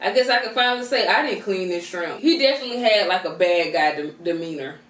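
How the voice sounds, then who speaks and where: A woman's voice: lowish voice, fast talker, reverberant, far from the mic. A woman telling a casual, slangy storytime as a mukbang vlogger, talking with her mouth full as she eats. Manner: talks with mouth full while eating; animated, slangy, conversational.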